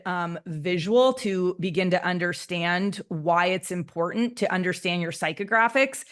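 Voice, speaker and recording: A woman marketing coach talking casually through a screen share, explaining with lots of "um"s. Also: medium pitch. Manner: relaxed, filler-heavy explaining.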